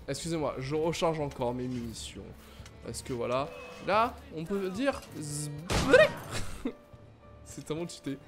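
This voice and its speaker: A man hosting a let's play, giving excitable gaming commentary and making playful blaster sound effects. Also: medium pitch. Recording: game music in background. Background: game music.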